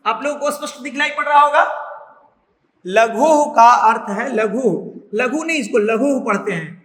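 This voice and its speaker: A male Sanskrit teacher giving a slow classroom lesson, repeating each word and its meaning and putting questions to the class. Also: very high voice, pushed and bright. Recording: echoey room with long reverb.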